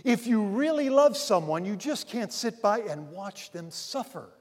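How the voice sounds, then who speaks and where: Male pastor, high voice, long hall reverb, dramatic loud-soft swings, sermon delivery. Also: sing-song, measured pace. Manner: dramatic swings between loud emphasis and near-hushed asides; addresses listeners as dear friends.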